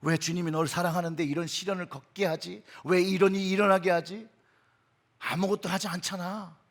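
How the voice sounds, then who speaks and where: A sly, tempting devil figure murmurs taunting questions in a hushed, lowered voice , voiced by a man mid-sermon. The tone carries a gravelly rasp and sits higher than most men's voices. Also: steady tone, brisk. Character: Satan, a sly whispering tempter.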